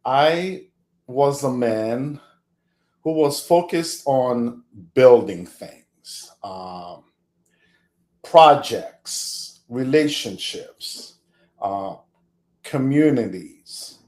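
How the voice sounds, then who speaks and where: Slow, reflective Haitian-born man. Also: medium pitch, lively intonation, darkish tone, echoey room. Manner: slow, reflective, chuckles often. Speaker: guest. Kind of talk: podcast interview.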